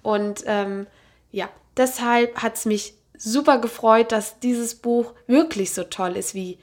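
A woman's voice: on the high side, steady tone, slow. A woman reading aloud from a novel and then chatting casually about the book, with many fillers and restarts. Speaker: book reviewer.

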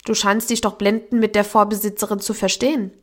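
A woman's voice: medium pitch, level tone, brisk, close to an everyday voice. A woman reading the lines of a young woman who teases her best friend on the phone in an audiobook. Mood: teasing. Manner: dry, teasing.

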